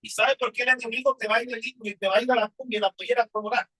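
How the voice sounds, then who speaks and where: Husky-voiced man preaching a testimony. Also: extremely high pitch, steady tone, very fast, bright, forceful tone, no echo, poor audio. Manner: emotional storytelling with rhetorical questions. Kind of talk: personal testimony sermon.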